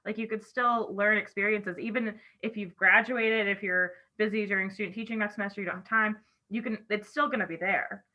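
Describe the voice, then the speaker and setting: A very bright, sharp-toned woman speaks over a dull, lo-fi video call line. She leads an online meeting in a chatty way, full of "I feel like" asides, with a cough drop in her mouth. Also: medium pitch, steady tone, brisk, few pauses. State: talking around a cough drop. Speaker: chapter officer leading a meeting. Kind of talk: casual online meeting talk.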